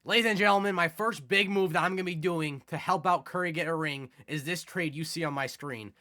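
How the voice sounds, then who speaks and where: A man's voice: a little high, fairly quick, bright, forceful tone. A man with a stuffy, congested nose from a cold, giving casual, conversational gameplay commentary as host of a video. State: has a cold. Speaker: video game content creator, host.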